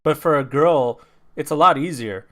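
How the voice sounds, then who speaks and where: A man's voice: fairly high pitch, moderate pace. A young man co-hosting a podcast, venting bluntly with frequent swearing in casual chat. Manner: blunt, profane, animated venting. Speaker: podcast co-host.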